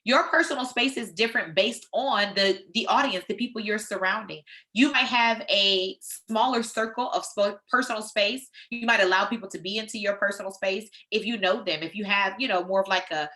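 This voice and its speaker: A woman leading a training session, lecturing in a lively, conversational way with frank personal asides. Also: mid-range voice, moderate pace, few pauses.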